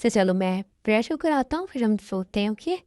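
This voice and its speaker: A woman's voice: medium pitch, expressive, brisk, darkish tone, no echo, clean studio sound, natural voice. A woman voicing a possessive young male mafia boss in a Hindi fan-dub romance drama, snapping at his partner one moment and sweet-talking her the next. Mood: tender. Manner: scolding then sweet-talking, calls her "my darling".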